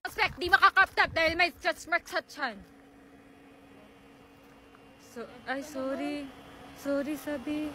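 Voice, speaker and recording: Young woman vlogger from the philippines, high playful teasing voice, traffic noise behind. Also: a little slow. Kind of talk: casual teasing chat.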